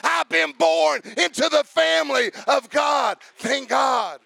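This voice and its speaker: A man preaching a sermon to a congregation, asking them questions and rising into a chanted, shouted preaching cadence. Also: very high voice, animated, slow pace, creaky, dry recording, studio quality.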